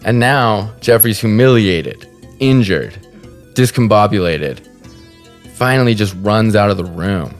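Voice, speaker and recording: Unhurried and fairly low in pitch, this man talks over faint background music. As a podcast host from around Salt Lake, he tells a funny story casually, swears freely, and laughs at his own expense in an animated way.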